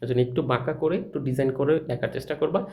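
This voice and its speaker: A man's voice: medium pitch, fairly even intonation, racing, a little mellow. A young man teaching a recorded lecture over slides, explaining in a colloquial way and asking and answering his own questions.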